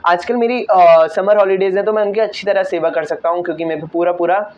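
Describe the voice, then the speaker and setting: A man's voice: high voice, fairly even intonation, quick pace, dull audio. A teenage boy answering viewer questions in a casual, earnest way, often checking in with "okay". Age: teens. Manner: earnest, repeats "theek hai" often. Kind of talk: casual Q&A talk.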